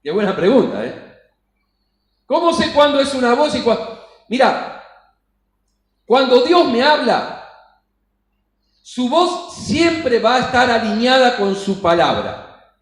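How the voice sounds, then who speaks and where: High-voiced Argentine pastor preaching. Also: male voice, very animated, slow pace, long pauses, echoey room, low-quality recording. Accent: Argentine Spanish. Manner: emphatic, acts out quoted voices. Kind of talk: sermon. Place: church.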